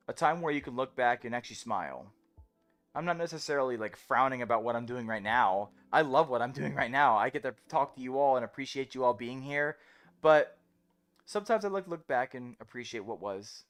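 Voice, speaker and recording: Chatty, animated man rambling on livestream. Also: medium pitch. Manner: chatty, self-described yapper who keeps talking. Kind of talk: casual rambling livestream chat.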